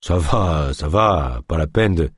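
A man playing a gruff, suspicious male guard who grumbles and speaks bluntly, read in an audiobook. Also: rumbling low, lively intonation, slow pace, no echo, studio quality, pitched below the performer's own voice, full character voice. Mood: teasing.

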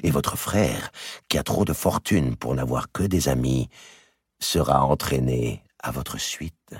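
A man voicing a cold, shrewd middle-aged merchant in an audiobook, speaking in a measured, deliberate and calmly menacing way. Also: rumbling low, breathy edge, no echo, full character voice. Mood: cold, calculating. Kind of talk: audiobook character reading. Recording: dry close recording.

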